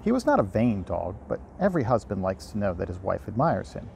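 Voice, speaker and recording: Reading a storybook aloud beside a river, a man in the role of amateur audiobook reader and host is very animated and brisk, though he stumbles and rereads lines. His voice is fairly low, creaky and a little mellow, with faint outdoor ambience in the background.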